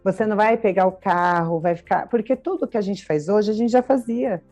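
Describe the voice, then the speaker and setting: A woman's voice: mid-range voice, a little fast, a little mellow, faint music behind. A woman in her thirties with a Brazilian Portuguese accent, co-hosting a podcast in casual chat, explaining with everyday examples and frequent tag questions. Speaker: podcast co-host.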